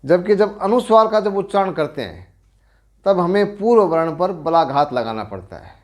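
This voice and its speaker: A middle-aged man with a Rajasthani accent, giving a grammar lecture as a teacher, explaining slowly and deliberately and correcting himself as he goes. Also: sits high, sing-song, darkish tone. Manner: slow, deliberate explaining with pauses and self-corrections.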